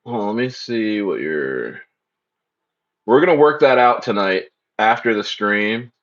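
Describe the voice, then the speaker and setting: On a casual crypto livestream, a man with a fairly low, animated voice rambles at a slightly slow pace, repeating himself, echoing phrases and reading chat messages aloud. The recording sounds muffled.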